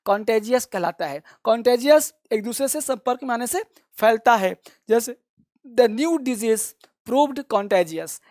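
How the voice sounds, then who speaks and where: A man teaching English vocabulary for exam prep, explaining words in Hindi and drilling them with call-and-repeat, reading example sentences very slowly. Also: sits high, no room sound, clean studio sound.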